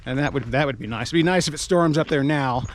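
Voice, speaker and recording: An American man hosting a casual outdoor vlog, speaking through a face mask in a halting, rambling way. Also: mid-range voice. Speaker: outdoor video host. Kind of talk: casual vlog talk to camera. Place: outdoors at a mountain trailhead. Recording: noisy outdoor camera audio.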